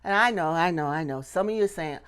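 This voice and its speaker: This middle-aged puppetry teacher talks quickly to camera in a low, clear, resonant voice that's a bit bright. Her casual instruction is full of rhetorical questions and regular "okay?" check-ins with the listener.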